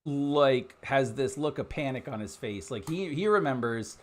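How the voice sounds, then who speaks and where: A man running a tabletop game, narrating casually as he improvises, in a halting, conversational way. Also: medium pitch, expressive. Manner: halting, conversational, many trailing pauses. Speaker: game master.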